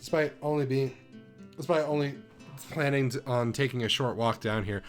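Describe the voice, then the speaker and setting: A man's voice: mid-range voice, moderate pace, faint music behind, close to an everyday voice. A man reading the lines of a reserved young male student in a plain, subdued way.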